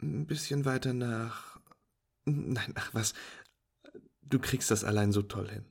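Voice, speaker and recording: Upbeat, teasing young woman coaching a beginner at pool , put on by a male storyteller with a husky voice. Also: medium pitch, slow, exaggerated voice. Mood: playful. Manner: encouraging, playful and teasing. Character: friendly young woman, patient pool teacher. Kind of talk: storytelling with acted dialogue.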